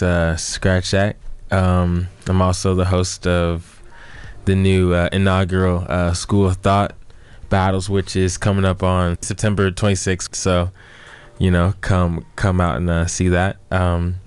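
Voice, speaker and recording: A man's voice: deep voice, darkish tone, smooth. A young man, a rapper and musician, talking casually in a radio studio interview, laid-back and rambling with lots of fillers. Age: young adult.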